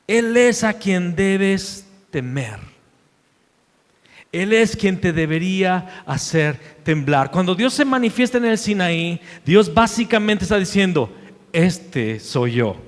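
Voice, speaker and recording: In a church sanctuary with long hall reverb, a male pastor preaches a sermon emphatically, repeating key phrases and swinging between loud declarations and hushed asides. His voice sits high, animated and slow.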